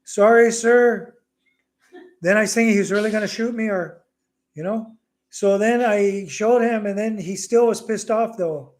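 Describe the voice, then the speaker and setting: A middle-aged man hosting a casual live Q&A at home, telling a story with animated energy and mixing Bisaya words into his English. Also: high voice, normal speed. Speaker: livestream host.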